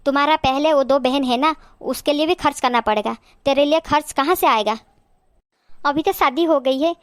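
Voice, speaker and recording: Woman playing a stingy middle-aged aunt, scolding, dismissive, high voice, dry close sound. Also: fairly bright tone, no echo.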